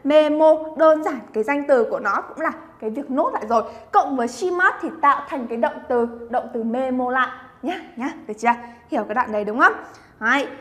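A bright, high-voiced woman from Vietnam teaches Japanese vocabulary. She chats encouragingly and draws words out slowly so listeners can repeat them. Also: animated. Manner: chatty and encouraging, drawn-out repetition of Japanese words. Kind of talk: lively vocabulary lesson.

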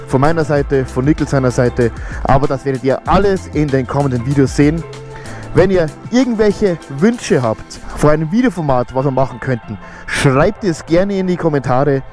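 A man's voice: moderate pace, faint music behind. A man with a Bavarian accent chatting casually while riding his motorcycle on mountain roads, swearing now and then and talking through a helmet mic. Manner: chatty, swears casually, rises in pitch when excited. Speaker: motovlogger.

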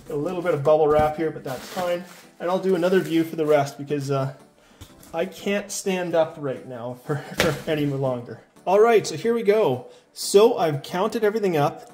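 A man with a slightly high voice talks through an unboxing in a loose, rambling way, with restarts and fillers. He is in pain and a little out of breath. Soft music plays faintly under him. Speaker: unboxing vlogger. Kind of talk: casual unboxing talk.

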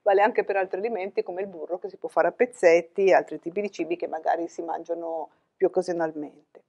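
A woman's voice: lowish voice, steady tone, quick pace, warm tone, lo-fi sound. Chatty Italian-speaking woman, practical. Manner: chatty, practical, self-correcting with fillers. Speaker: food technologist and magazine director, guest. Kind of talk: conversational interview.

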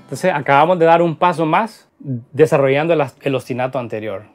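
A man's voice: fairly high pitch, a little fast. A man teaching a guitar lesson in Spanish, explaining rhythm patterns and counting beats aloud as he plays. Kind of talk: instructional lesson. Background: guitar playing.

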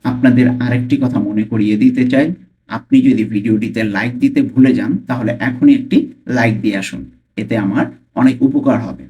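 A man with a Bangladeshi accent teaching Italian phrases, repeating each one slowly and carefully. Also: medium pitch, mellow, muffled recording. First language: Bengali. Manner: slow, careful repetition of phrases. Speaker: language teacher. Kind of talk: Italian lesson for Bengali speakers.

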